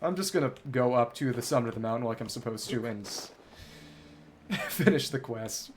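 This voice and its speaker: This man chats casually with viewers while livestreaming a game, thinking aloud in bookish phrasing and roaming across topics. He speaks at a medium pitch and normal speed with lively intonation, and there's slight background noise.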